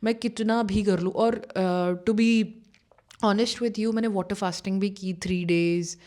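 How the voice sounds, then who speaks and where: A young adult woman who works as a manifestation coach tells her own story to camera in a mid-range, steady, slightly mellow voice, taking it slowly. She's chatty, mixing Hindi with English phrases and using many fillers like "you know."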